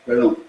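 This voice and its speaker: A male pastor with an English accent, a native English speaker preaching a sermon in a language he is still learning, slow and deliberate. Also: heavy background noise. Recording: echoey room, distant mic.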